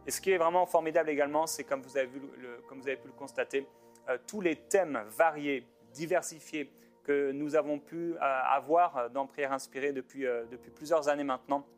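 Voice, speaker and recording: A man's voice: fairly high pitch, fairly even intonation. Pastor guy talking to his viewers, fervent, lots of euh and restarts, faint music behind. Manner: fervent, rambling, with many filler pauses and restarts. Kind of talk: informal ministry talk to viewers.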